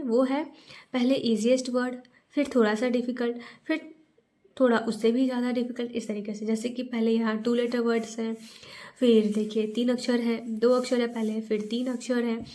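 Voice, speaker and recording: A woman teaching a phonics lesson to parents, reading syllables aloud one at a time in a slow, patient way. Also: a little high, steady tone, darkish tone. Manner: explains to parents, then models sounds.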